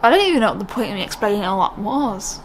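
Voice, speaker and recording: A fast-talking young British vlogger with an expressive, medium-pitched voice speaks casually to camera, unscripted and candid. She rambles and often interrupts herself, with a little background noise.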